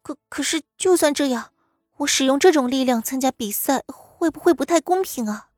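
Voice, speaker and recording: Guy doing a squeaky unsure schoolgirl voice, earnest, dry close sound. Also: animated, moderate pace, no echo, faint music behind. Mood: puzzled. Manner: high falsetto, hesitant and unsure. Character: earnest upright teenage girl karate star.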